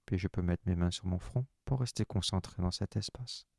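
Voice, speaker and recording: A man leading a guided relaxation session, speaking slow, soft, calm instructions in the first person. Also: sits low, gravelly, dry recording, clean studio sound.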